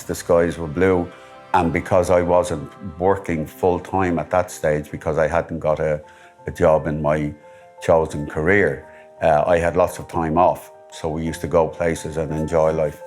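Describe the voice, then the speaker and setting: In a personal testimony interview, a middle-aged Irishman with an Irish accent steadily recounts his married life. His voice is a deep rumble with a slightly mellow quality.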